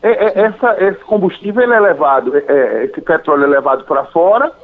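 A Brazilian man calling into a radio show over the phone, speaking in a formal, measured way and listing points one by one. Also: fairly high pitch, animated. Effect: phone-line call into a radio show. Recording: tinny phone line.

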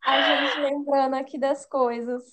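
A young Brazilian woman with a Brazilian accent chats casually as a podcast co-host, in a bubbly, girly, slangy and expressive way. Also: sits high, unhurried. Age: young adult. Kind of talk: casual chat between friends.

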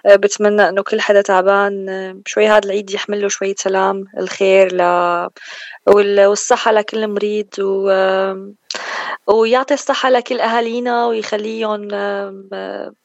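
A woman's voice: medium pitch, little pitch movement, normal speed, no room sound, highs cut off. A woman with a Levantine Arabic accent chatting casually as a singer in a radio interview, switching between Arabic and English mid-sentence.

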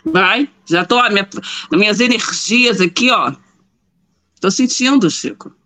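Woman, live show commentator, casual chat, emphatic, repeats phrases, mid-pitched voice. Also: a little slow, sharp tone. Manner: emphatic, repeats herself for effect.

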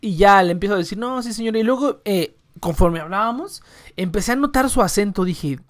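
A woman's voice: medium pitch, animated, a little fast. A woman with a Mexican accent, live streaming and chatting casually to her viewers in a rambling, slangy, profane way. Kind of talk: casual chat.

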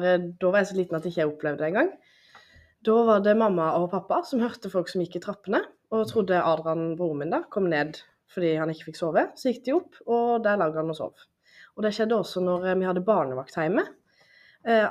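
A young woman, a podcast guest, telling stories in a casual chat in an animated way, with many fillers. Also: fairly low pitch.

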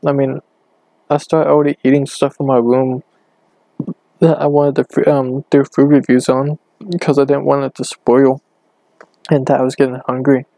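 A young man rambling hesitantly on his own podcast, talking low in his bedroom with a hand cupped over the mic. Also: completely flat delivery, normal speed, long pauses, warm tone, no room sound. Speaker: podcast host. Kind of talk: casual solo podcast. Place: bedroom at home.

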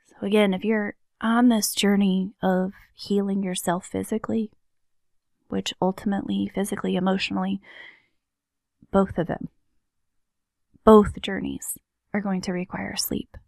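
A woman giving an earnest, slow motivational talk on healing and rest, often softening her voice to a near-whisper. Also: mid-range voice, level tone, creaky, dry recording, clean studio sound. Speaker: wellness speaker.

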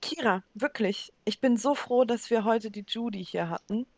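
A young woman co-hosting a casual podcast, encouraging and quick to agree. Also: on the high side, a little mellow, no echo. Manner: encouraging, frequent agreeing backchannels. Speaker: podcast co-host. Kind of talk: casual chat.

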